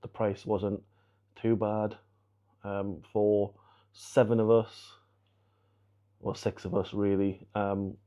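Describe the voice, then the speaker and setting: A man's voice: on the low side, slow pace, pauses often. A man chatting casually in a travel vlog, recapping the day to camera. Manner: chatty, relaxed, wraps up to camera. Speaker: vlogger.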